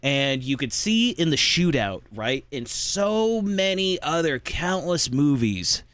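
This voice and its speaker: Brief: male podcast co-host, lively storyteller who acts out scenes, dry close mic. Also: fairly high pitch, takes it slowly, smooth, dry recording. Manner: animated, acts out scenes in voices. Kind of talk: casual movie discussion.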